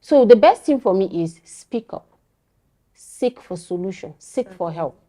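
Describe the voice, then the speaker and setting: A woman's voice: medium pitch, lively intonation, unhurried, warm tone. A woman guest on a talk show giving earnest advice, often checking that listeners understand. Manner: earnest, advising, asks "do you understand?". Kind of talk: casual studio chat.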